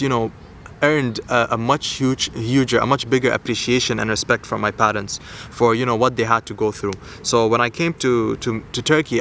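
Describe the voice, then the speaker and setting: Young male vlogger from Malaysia, mid-pitched, earnest and rambling, outdoors with faint traffic behind. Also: a bit bright. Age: young adult. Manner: earnest, rambling, repeats words and restarts with many "you know". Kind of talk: casual outdoor vlog talk.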